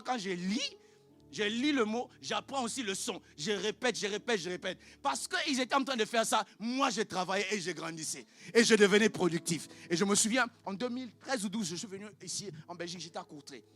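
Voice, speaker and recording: A man, a native Lingala speaker, preaching an impassioned sermon as pastor in a church, often rising to shouts. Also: high-pitched.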